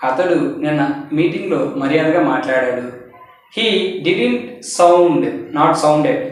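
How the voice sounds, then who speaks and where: Male language teacher with a Telugu accent, somewhat high pitch, slow drilling delivery, distant echoey recording. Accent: Indian English, Telugu. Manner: slow, deliberate example sentences repeated for drilling. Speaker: spoken English teacher. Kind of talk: bilingual English lesson with Telugu explanations. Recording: echoey room, far from the mic.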